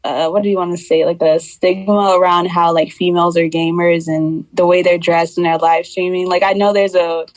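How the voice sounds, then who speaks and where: A woman in her twenties from the United States talks easily as a podcast guest. Her voice sits on the low side, and the sound is dry and close. She speaks in a loose, rambling way, full of fillers. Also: normal speed, hardly any pauses, no room sound, poor audio. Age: 20s. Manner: relaxed, chatty, many fillers. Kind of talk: casual chat.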